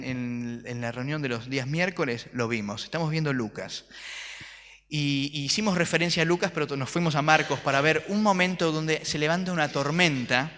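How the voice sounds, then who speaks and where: A man's voice: on the high side, pushed and bright, long reverb tail. A man with an Argentine accent preaching a sermon to his congregation, asking rhetorical questions and joking with them. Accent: Argentine Spanish. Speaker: pastor. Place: church hall.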